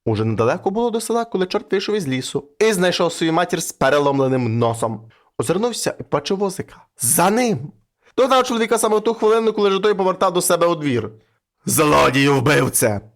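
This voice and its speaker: A man with a Ukrainian accent, narrating a folk tale and acting out its characters with shifting pitch. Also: very animated, rapid-fire.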